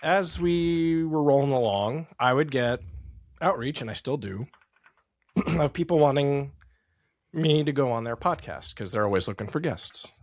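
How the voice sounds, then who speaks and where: A man's voice: medium pitch, lively intonation, measured pace, dry recording, studio quality. An American man co-hosting a casual podcast, rambling and correcting himself as he talks. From United States. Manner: rambling, self-correcting, chuckles often. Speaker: podcast co-host. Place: home setup in the San Francisco Bay Area.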